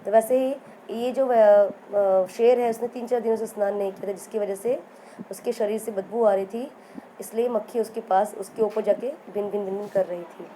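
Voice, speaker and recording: A woman's voice: mid-range voice, fairly even intonation, normal speed, dark tone, slight background noise, rough recording. A woman teacher telling a story to young children, repeating lines and asking them questions as she goes. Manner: repeats and quizzes the listeners.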